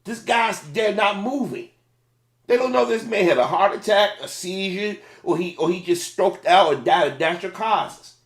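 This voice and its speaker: A middle-aged man, a former fast food manager, giving casual, plain-spoken commentary on a video. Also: sits high, echoey room.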